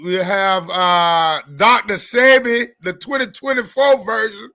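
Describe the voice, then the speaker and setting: High-voiced guy hosting a live show on a video call, slow and bright, says stuff twice. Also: fairly even intonation. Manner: slow, repeats phrases. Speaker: podcast host. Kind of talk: casual live-stream chat.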